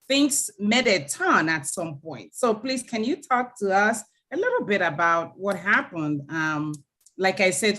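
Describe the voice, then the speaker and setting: A woman podcast host posing a question to her guest. Her pitch is mid-range, and she winds into the question with a rambling, encouraging lead-in. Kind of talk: interview questions.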